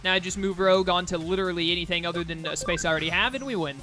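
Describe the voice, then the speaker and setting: A man's voice: sits high, very fast, bright, forceful tone, faint music behind. A man giving casual, offhand let's-play commentary on a video game, chatting as he plays. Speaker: gaming video host.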